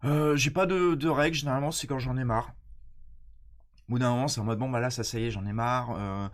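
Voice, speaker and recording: A man with a stuffy, nasal voice from a cold, chatting casually and explaining things in a halting, slangy way. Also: medium pitch. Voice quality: congested, nasal. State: blocked nose from a cold. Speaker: stand-up comedian.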